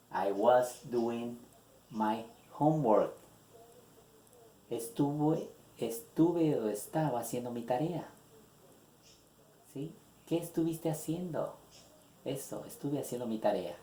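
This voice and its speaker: A man teaching an English grammar lesson in Spanish, slowly repeating example questions and their translations. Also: medium pitch, warm tone. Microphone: phone. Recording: echoey room on a phone.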